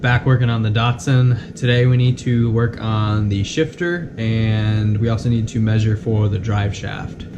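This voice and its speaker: A man's voice: lowish voice, steady tone, unhurried, few pauses, dull audio, background noise. A sick man with a nasal, stuffy voice hosts a casual car-build vlog from his home workshop shed and explains each step as he works. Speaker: host.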